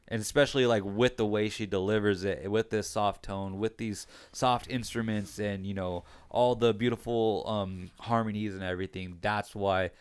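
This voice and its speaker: A man's voice: on the low side, smooth. A man co-hosting an album review, talking in a thoughtful, sympathetic way. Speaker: co-host reviewer. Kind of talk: casual review chat.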